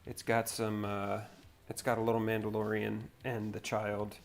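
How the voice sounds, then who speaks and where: Laid-back low-voiced man hosting a stream. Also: monotone, normal speed, creaky. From North Carolina, US. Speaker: livestream host. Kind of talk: casual chat while building.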